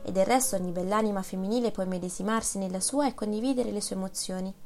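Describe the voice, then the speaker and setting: Woman narrator, measured literary audiobook reading, mid-pitched. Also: mellow, soft background music.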